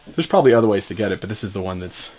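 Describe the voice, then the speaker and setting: This vlogger, a young American man, races through his words in a fairly low voice, though his talk to the camera stays relaxed and conversational.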